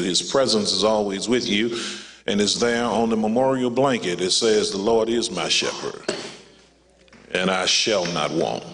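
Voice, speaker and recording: A man preaching a funeral sermon as pastor, calling his listeners "child of God" and building to a high, excited pitch. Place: church sanctuary. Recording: long church reverb.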